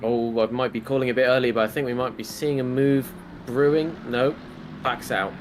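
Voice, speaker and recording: Male co-commentator, mid-pitched, friendly banter, noisy recording. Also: steady tone, normal speed. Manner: chatty, laughing banter with co-host. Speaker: sim racing commentator. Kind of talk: casual esports race commentary.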